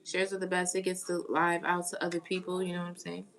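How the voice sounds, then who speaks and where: Woman, lower voice with a gravelly edge, casual live-stream tarot host who chats with viewers. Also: monotone, fast. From United States. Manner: chatty, greets viewers and reads comments aloud. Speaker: tarot reader.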